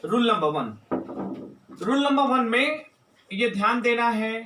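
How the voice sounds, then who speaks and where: A man teaching grammar rules, slowly and repetitively, dictating as he writes. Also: sits high, pushed and bright. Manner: slow, repetitive, dictates while writing on a board. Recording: echoey room, mic far from speaker.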